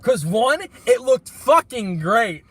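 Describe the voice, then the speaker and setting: A high-voiced man talking loosely on a movie podcast. He rants with heavy swearing and lively swings, often jumping up in pitch and volume when he gets worked up. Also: slow, husky. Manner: profane, animated, ranting. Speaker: podcast co-host. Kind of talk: casual movie review chat.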